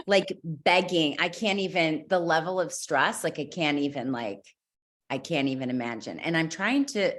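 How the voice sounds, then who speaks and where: A woman's voice: on the low side, a bit bright. A woman guest, a mother, chatting casually and effusively, exclaiming and restarting her sentences. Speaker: guest, former client and mother. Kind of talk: casual podcast chat.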